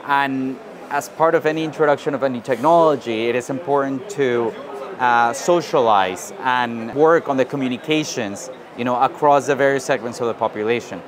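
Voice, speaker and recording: A man from South America giving measured interview answers, often adding "you know" and "right?". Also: mid-range voice, crowd noise. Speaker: interviewee, financial inclusion advisor. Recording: outdoor recording with street noise.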